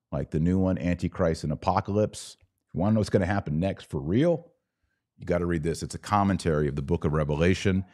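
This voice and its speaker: Deep and darkish in tone, this male podcast host delivers religious and political commentary conversationally. His style is opinionated and forceful, built on short, declarative lines.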